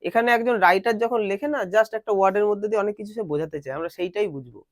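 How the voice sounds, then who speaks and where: A male teacher giving a classroom lesson. He reads English lines slowly, then explains them and quizzes his students. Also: high-pitched, animated, no room sound, clean studio sound.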